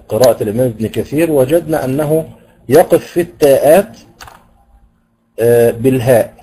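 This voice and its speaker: A man with an Egyptian accent giving a university lecture on Quranic recitation, explaining slowly and pausing with hesitation sounds. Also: medium pitch, mellow, low-quality recording. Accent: Egyptian Arabic.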